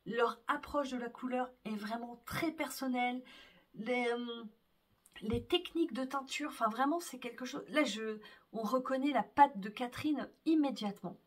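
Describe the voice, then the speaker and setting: A woman hosting a knitting podcast, gushing over yarns in hesitant casual chat with soft whispered exclamations. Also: a little high, moderate pace, recorded from a distance. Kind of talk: casual show-and-tell chat.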